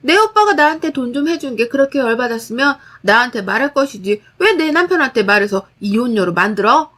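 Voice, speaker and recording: A woman's voice: very animated, a little fast. A woman doing a hysterical spoiled sister-in-law. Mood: frantic. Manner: frantic, shrill, shouting.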